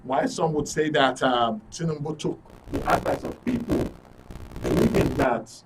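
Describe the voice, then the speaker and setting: A man with a Nigerian accent, host of a current affairs programme on radio and TV, presents the live talk show jokingly and informally in a broadcast studio. His slightly high voice swings widely in pitch, carries vocal fry, and keeps a measured pace. A distant mic captures it in a noisy studio.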